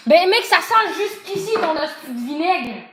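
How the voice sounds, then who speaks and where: A woman's voice: extremely high pitch, sing-song, normal speed, over a noisy crowd. A woman with a Québécois accent, bossing and teasing a friend through a filmed food challenge, swearing freely. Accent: Québécois French. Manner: bossy, teasing, swears a lot. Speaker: vlogger filming a food challenge. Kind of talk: rowdy casual banter. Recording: echoey room with loud noise.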